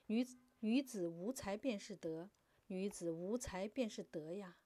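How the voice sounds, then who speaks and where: A woman voicing a stern, commanding old male clan elder who speaks slowly and weightily. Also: mid-range voice, mellow, close to an everyday voice.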